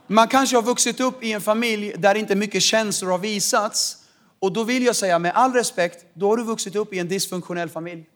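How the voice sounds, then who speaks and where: A man with a Swedish accent preaching a lively sermon, moving from quiet talk to loud shouting. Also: sits high. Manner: animated, swings from quiet to shouting. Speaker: pastor. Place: large hall with live audience.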